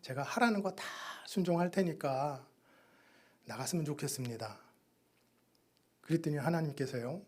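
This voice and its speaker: A man giving a missionary's sermon testimony in a church, telling his story with sudden loud and soft turns. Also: a little high, normal speed, pauses often. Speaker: missionary preacher.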